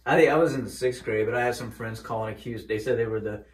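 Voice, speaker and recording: A man's voice: mid-range voice, quick pace, roomy sound. A middle-aged man hosting a podcast, asking questions in an easygoing way and laughing readily. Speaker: podcast host. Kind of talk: casual interview chat. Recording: distant from mic.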